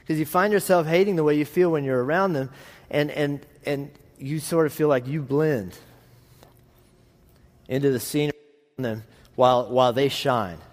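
A man's voice: a little high, normal speed, long pauses. A man with a rural Texas drawl preaching conversationally, in a folksy, rambling, self-deprecating way. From Texas, United States. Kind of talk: conversational sermon with anecdotes. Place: large reverberant room, preaching to a congregation. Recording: reverberant hall sound.

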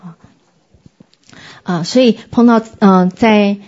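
A woman sharing a personal faith testimony in an earnest, reflective way, with many pauses and hesitations. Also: mid-range voice, a little mellow, highs cut off. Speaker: church member sharing testimony.

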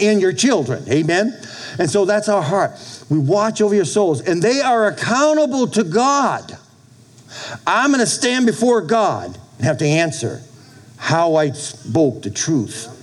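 A middle-aged man preaching a conversational church sermon as a pastor, folksy and emphatic, repeating phrases and prompting listeners for amens. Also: a little high.

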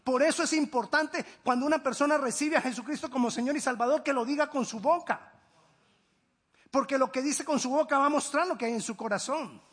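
A man preaching a sermon as a pastor, emphatic, swinging between loud declarations and hushed asides. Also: very high voice, a little fast.

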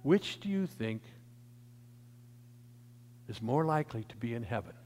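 A man preaching a sermon, his emphatic delivery swelling louder and then dropping soft. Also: mid-range voice, big pitch swings, unhurried. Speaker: pastor. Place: church sanctuary. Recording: long church reverb.

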